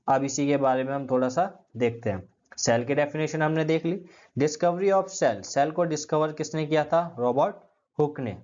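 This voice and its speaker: Male teacher, mid-pitched, asks and answers his own questions, slightly muffled lo-fi recording. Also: darkish tone. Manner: repeats key terms, uses everyday comparisons. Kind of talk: classroom lecture. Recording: dull lo-fi sound.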